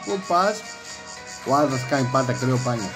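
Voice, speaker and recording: A man's voice: mid-range voice, expressive, low-quality recording. A man rambling in a casual monologue, acting out quoted dialogue in raised voices. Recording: music playing behind the voice.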